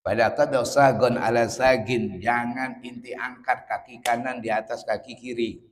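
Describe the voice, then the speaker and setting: A man's voice: medium pitch, fairly even intonation, normal speed, long reverb tail. A man teaching a religious lesson. He reads Arabic lines from the book, then explains them with playful everyday examples. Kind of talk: kitab study lesson.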